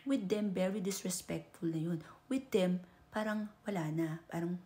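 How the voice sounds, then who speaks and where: A woman's voice: fairly low pitch, a little slow, dark tone. A woman from the Philippines with a Filipino accent, chatting casually as she gives relationship advice and mixes Tagalog with English, tagging her sentences with "no?" and "di ba?". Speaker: vlogger giving relationship advice.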